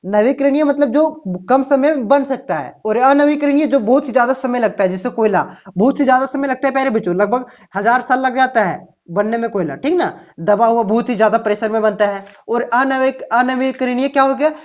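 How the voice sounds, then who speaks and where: Speaking briskly with few pauses, a woman whose voice is fairly high and darkish in tone teaches students for an exam. She frequently answers her own questions, explains rhetorically, and repeats "ठीक ना" and "प्यारे बच्चों". The audio is dull and lo-fi.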